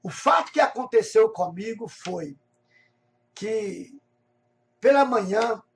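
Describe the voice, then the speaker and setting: Man, pastor, sermon testimony, husky gravelly voice, fairly high pitch. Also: lively intonation. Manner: slow, repetitive, rephrasing each phrase.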